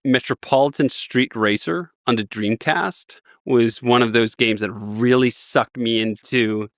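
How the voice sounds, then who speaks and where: A Danish man in his forties appears as a guest in a casual interview, telling stories enthusiastically and rambling. His medium-pitched, unhurried voice is recorded dry in studio quality.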